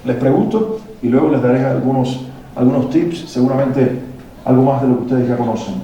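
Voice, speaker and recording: A man's voice: mid-range voice, a little fast, warm tone, lo-fi sound. A man giving a motivational talk to parents in a hall, posing rhetorical questions to the audience. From Latin America. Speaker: speaker at a parenting workshop. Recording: very echoey hall, mic at a distance, faint noise.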